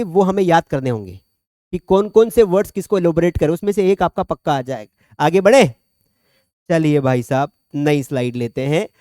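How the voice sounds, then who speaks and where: A man's voice: high-pitched, dark tone, no echo, studio quality. A man teaching English grammar in a classroom, speaking, chatty and joking as he quizzes students by name. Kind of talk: classroom lecture.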